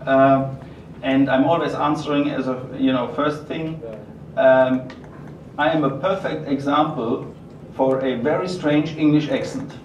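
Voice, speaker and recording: A man with a strong German accent, a native German speaker, presenting a product and answering questions in a halting way, repeating himself. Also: mid-range voice, steady tone, a little mellow, dull audio. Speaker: company presenter taking audience questions. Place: roomy event venue. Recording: echoey, noisy room from far off.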